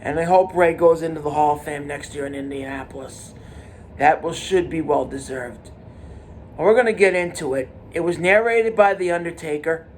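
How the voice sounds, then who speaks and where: A man of forty hosting his own podcast, talking in a halting, repetitive way with many restarts and fillers. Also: on the high side, a little hiss or hum. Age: 40s. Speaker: podcast host. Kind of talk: casual monologue.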